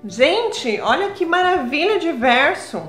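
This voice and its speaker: Woman, poetry teacher, high unhurried voice, roomy echo with faint music behind. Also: sing-song, fairly bright tone. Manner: explains patiently, pointing at verses on screen; enthusiastic about the verses. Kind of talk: casual video lesson.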